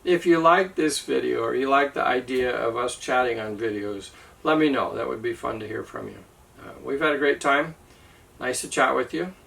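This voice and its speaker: A man with a gravelly, bright voice tells a trip story in a loose, rambling chat full of fillers and small jokes. He sits back from the mic, and there is a faint hiss of ambient noise. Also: mid-range voice, very animated, moderate pace, recorded from a distance, low-quality recording. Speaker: travel vlogger. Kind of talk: casual chat.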